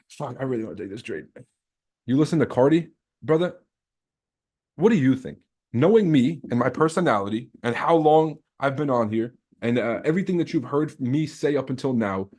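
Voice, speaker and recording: A darkish, mid-range male voice belongs to a trading livestream host from Lebanon who speaks Arabic and French natively. Boasting, using slang and swearing freely, he chats casually with his live viewers.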